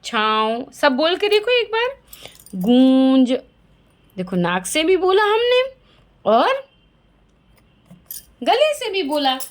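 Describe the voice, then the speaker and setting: A woman's voice: extremely high pitch, very animated, slow, long pauses. A woman teaching a language lesson to young children, asking questions and answering them herself and repeating the key words.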